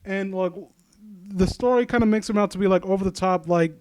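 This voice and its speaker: Brisk and high-voiced, with a slightly mellow quality and no echo, this man hosts a critique series. He reads a story aloud and reacts casually, sardonic and informal throughout. He adds mock-supportive asides and frequently stumbles over the lines.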